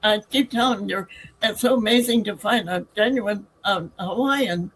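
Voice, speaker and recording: A woman's voice: mid-range voice, moderate pace, slight background noise, low-quality recording. A woman hosting an interview, effusive and chatty with her guests. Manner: warm, effusive, laughs along with guests. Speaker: talk show host. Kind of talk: casual interview chat.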